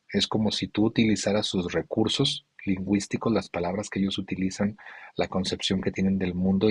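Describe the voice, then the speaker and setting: A man's voice: low voice, slightly rough, no echo. A man leading a support group session, talking in a teaching way and asking rhetorical questions. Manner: didactic, asks rhetorical questions. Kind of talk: group talk, answering a member.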